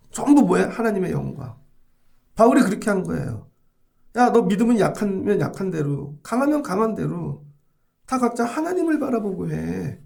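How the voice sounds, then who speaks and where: A man's voice: sits high, creaky, dark tone. A male pastor giving an early morning sermon in a church, asking the congregation questions and acting out sample prayers. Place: church sanctuary.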